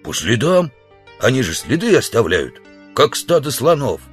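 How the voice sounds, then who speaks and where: A man's voice: mid-range voice, big pitch swings, measured pace, faint music behind, voice pushed up. A man voicing a practical, insistent hero in a children's audiobook, in a plain voice. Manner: insistent, matter-of-fact.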